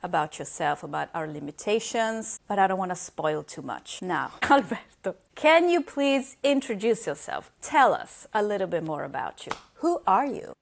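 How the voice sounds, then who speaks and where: A woman's voice: medium pitch, very animated, moderate pace, gravelly, few pauses. A woman hosting a yoga podcast, introducing her guest and asking him questions with enthusiasm. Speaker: podcast host, yoga teacher. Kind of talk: podcast hosting, scripted intro over music. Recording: intro voiced over music. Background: music under the intro.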